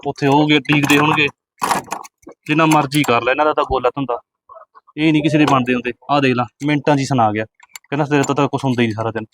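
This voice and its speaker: A man's voice: mid-range voice, fairly even intonation, fast, a bit bright, a little hiss or hum, lightly acted. A man plays a poor village farmhand from Punjab, grumbling to himself in a mid-range voice. Faint hens and roosters sound in the farmyard behind him. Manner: grumbling monologue, complaining to himself.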